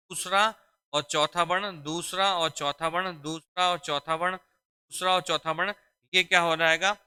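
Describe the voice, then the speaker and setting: Guy teaching hindi grammar for exams, high voice, super bright, keeps repeating stuff and quizzing the kids. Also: clear, resonant tone. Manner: repetitive, drilling phrases and quizzing students; addresses students as "beta". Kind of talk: exam-prep classroom lesson.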